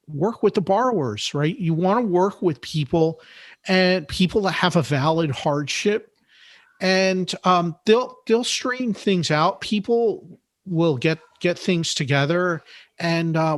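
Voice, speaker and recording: A man speaks as a podcast guest, his voice sitting a little high. He explains things in a measured, patient way, repeating words as he gathers his thoughts. The sound is dry and close. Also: no room sound. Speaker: podcast guest, note investor. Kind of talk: interview conversation.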